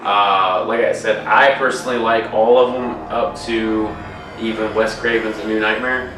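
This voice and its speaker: A man's voice: fairly low pitch, level tone, normal speed. A young man co-hosting a podcast, talking casually about horror films with lots of fillers and swearing. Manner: rambling, swears a lot, many fillers. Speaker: podcast co-host. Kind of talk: casual chat. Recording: echoey room, far from mic, faint music.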